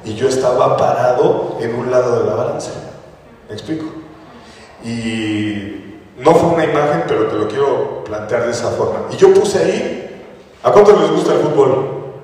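A man's voice: mid-range voice, animated, moderate pace, darkish tone, a little hiss or hum. A man preaching a sermon, telling stories in a casual, conversational way with frequent rhetorical tag questions. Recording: echoey hall from far off.

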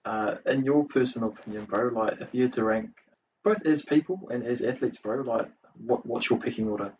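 A man's voice: medium pitch, fairly quick, a little mellow. A man with a New Zealand accent interviewing as a podcast host in casual, slangy, hesitant phrasing. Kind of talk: casual chat. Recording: dull, distant mic with faint noise.

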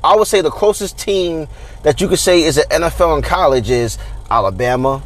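Guy coaching youth football, hosting a chill sports podcast, voice a bit high, keeps repeating himself. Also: a little fast. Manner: animated, repeats and restarts words often. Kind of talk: casual sports chat.

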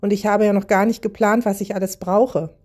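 Lady doing a frazzled mama fox in a storybook, fretting away, mellow voice. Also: mid-range voice, fairly even intonation, a little fast, lightly acted. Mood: fretful. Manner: fretful, frantic. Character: frazzled stressed mother fox.

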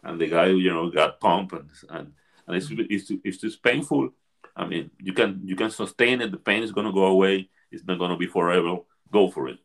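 A man with a very low, deep voice tells a long story in a relaxed conversation. He keeps repeating words and restarting his phrases as he goes, and his telling stays animated. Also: brisk, gravelly. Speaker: ayahuasca facilitator. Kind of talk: storytelling in a podcast chat.

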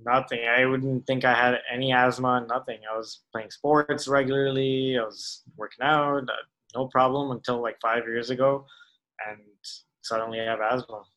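Bright-voiced man in his late twenties. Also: mid-range voice, normal speed, rough recording. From Tanzania. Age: late 20s. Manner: relaxed, with frequent "uh" hesitations. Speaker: podcast guest. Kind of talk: casual interview.

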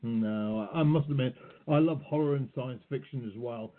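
A man hosting an interview, asking questions in a halting, hesitant way, heard over a phone-like call line. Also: mid-range voice. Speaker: podcast host. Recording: husky voice on tinny phone-like call.

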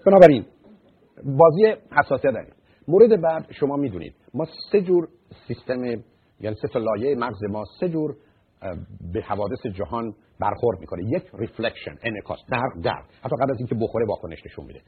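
A man's voice: lowish voice, expressive. A man, a psychologist, giving blunt, mocking marriage advice in a radio talk. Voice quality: husky. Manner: blunt, mocking, rises to loud emphatic outbursts. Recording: muffled phone-like radio line.

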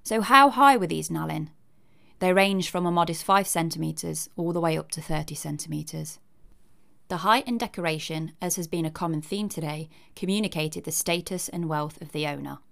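A woman's voice: low-pitched, normal speed, creaky, a bit bright. A woman giving a scripted narration with chatty asides in a wry, cheeky, conversational manner.

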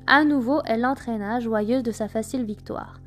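A woman narrating traditional folk tales in a measured, gentle storytelling manner. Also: on the high side, soft background music. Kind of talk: scripted folk tale narration.

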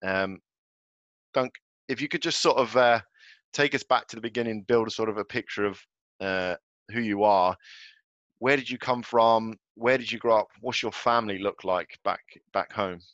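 Low-voiced man hosting a podcast. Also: moderate pace, a bit bright, dry recording, highs cut off. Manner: informal, conversational. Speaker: podcast host, interviewer. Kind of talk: casual interview.

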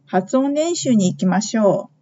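A woman teaching English phrases in a podcast lesson, explaining them slowly and modeling each one for listeners to repeat. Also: medium pitch, animated, dark tone, muffled recording.

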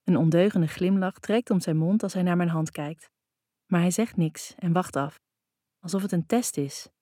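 A woman narrating a first-person romance audiobook in an intimate, even storytelling manner. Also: on the low side, normal speed, no room sound, clean studio sound.

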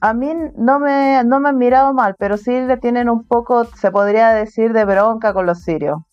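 Chilean woman, smooth voice, casual chat. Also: fairly high pitch, moderate pace, no echo, dull audio, soft background music. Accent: Chilean Spanish. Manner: casual, chatty, laughs between points. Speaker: interviewee, artist living abroad. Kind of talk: remote interview conversation.

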